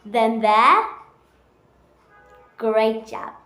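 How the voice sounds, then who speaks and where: Slow, high-voiced woman teaching pronunciation. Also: bright, forceful tone, soft background music. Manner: encouraging, repeats single words with pauses. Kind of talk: pronunciation lesson with repeat-after-me drills. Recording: roomy, echoey room sound.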